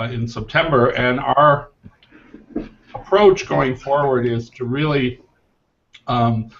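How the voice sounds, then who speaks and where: A man giving a working group report in an online meeting, speaking in a steady, explanatory, organised way over muffled call audio. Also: medium pitch.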